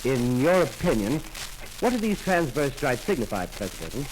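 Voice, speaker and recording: An actor playing a polite, brisk radio field reporter describing a scene live in a 1930s radio drama. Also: male voice, mid-range voice, very animated, noisy background, lightly acted. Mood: earnest.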